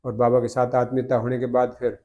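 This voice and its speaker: An older man speaks as an interview guest at a medium pitch. He recalls old times in a slow, reflective way and often stops to correct his own words partway through a sentence. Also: completely flat delivery, dull audio. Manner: measured and reflective, with frequent self-corrections. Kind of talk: reminiscing conversation.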